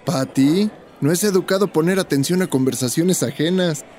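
A man's voice: a little high, moderate pace, darkish tone, faint music behind. A man with a Mexican accent, talking in an easygoing way in a scripted dialogue. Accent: Mexican Spanish. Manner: easygoing, conversational. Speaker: character Roberto in a teaching dialogue.

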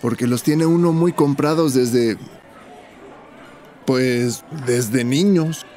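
A man's voice: mid-range voice, slow pace, warm tone, faint music behind. A man with a Mexican accent, talking in an easygoing way in a scripted dialogue. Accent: Mexican Spanish. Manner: easygoing, conversational. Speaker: character Roberto in a teaching dialogue.

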